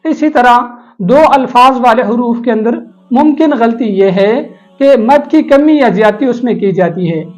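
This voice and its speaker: Measured male Quran recitation teacher. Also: very high-pitched, low-quality recording. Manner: measured, explanatory, drawn-out letter demonstrations. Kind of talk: instructional lesson. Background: faint background music.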